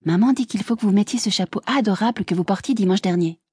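A woman reading an audiobook voices an excitable young woman who gushes and chatters breathlessly. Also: mid-range voice, fast, breathy edge, no room sound, studio quality, voice pushed up, natural voice. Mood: gushing. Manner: breathless, gushing. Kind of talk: audiobook character voice.

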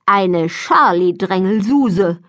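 A woman voicing a drowsy, good-natured mother who gently teases her daughter, in a children's storybook. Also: medium pitch, animated, no echo. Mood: fond teasing. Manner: drowsy, drawn-out, fond teasing.

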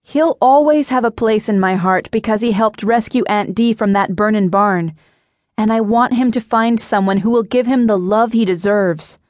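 A woman voicing a kind, earnest young woman who runs a pie shop and speaks softly. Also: on the high side, moderate pace, no room sound, close to an everyday voice. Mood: gentle.

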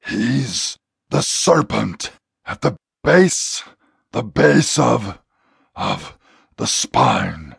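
A man's voice: mid-range voice, sing-song, drawn-out words, no room sound, clean studio sound, exaggerated voice. A man voicing a broken but defiant male demon spirit in an audiobook, with strained, reluctant answers. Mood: grudging. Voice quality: gravelly, breathy rasp. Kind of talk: audiobook character voice.

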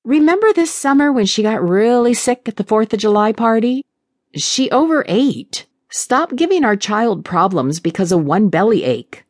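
A woman doing a sharp, sarcastic, exasperated mother. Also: a little high, lively intonation, normal speed, dry recording, studio quality. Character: angry, exasperated young mother.

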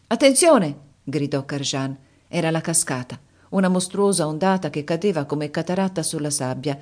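A woman narrating a classic adventure novel as an audiobook reader, in a measured, even storytelling delivery. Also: low voice. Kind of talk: scripted literary narration.

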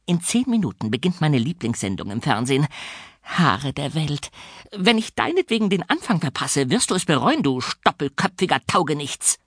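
A man voicing a cruel, shrill old orphanage matron who screeches insults at a boy. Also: big pitch swings, moderate pace, breathy edge, dry recording, clean studio sound, exaggerated voice. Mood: shrieking scolding.

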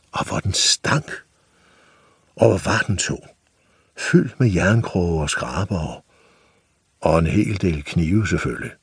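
A man with a husky voice narrating a children's audiobook with expressive storytelling. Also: sits low, dry recording, studio quality.

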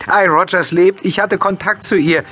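Man doing a crying young woman seer, much higher voice, pleading hard, audiobook. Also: steady tone, normal speed, sharp tone, soft background music. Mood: desperate pleading. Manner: pleading, insistent.

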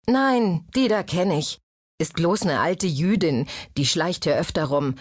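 A woman's voice: lowish voice, lively intonation, a little slow, no echo, studio quality. A woman voicing a mocking, coarse young woman of the streets in an audiobook. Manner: scornful, coarse. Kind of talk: audiobook character voice.

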